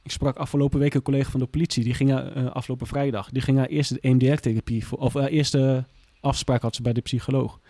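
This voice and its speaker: A man's voice: mid-range voice, little pitch movement, fast talker, few pauses, mellow, no echo. A man in a candid interview who speaks bluntly and plainly and often swears. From Groningen. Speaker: guest, former police officer.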